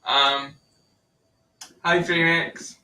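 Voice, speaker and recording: Guy hosting a wrestling chat, slow and bright, echoey room, mic a bit far off. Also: a little high, slight background noise. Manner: chatty, laughs often, relaxed. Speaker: podcast host. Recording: roomy echo, distant mic.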